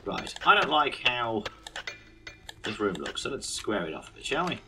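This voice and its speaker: A man's voice: mid-range voice, sing-song, moderate pace, background noise. A man with a British accent giving casual, sardonic, mock-grumpy gameplay commentary as a video host.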